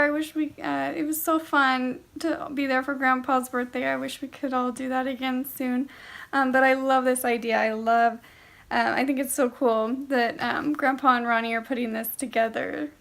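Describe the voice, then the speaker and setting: A woman's voice: a little high, gravelly, a bit bright. A young woman recording a heartfelt birthday video message to her grandmother, hesitant and full of fillers, turning tearful. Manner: hesitant, many fillers and restarts.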